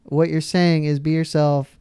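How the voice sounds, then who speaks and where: A man's voice: a little high, flat delivery, unhurried, warm tone, clean tone, dry recording. A man in his thirties, a regular on a show, talking casually with friends. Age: 30s. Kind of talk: casual group chat.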